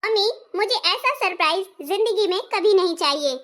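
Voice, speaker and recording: A woman's voice: extremely high pitch, animated, moderate pace, a bit bright, pitched above the performer's own voice. A woman voicing an outspoken young daughter who firmly sets her mother right, in a family skit. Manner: firm, earnest. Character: outspoken young daughter visiting home, fair-minded.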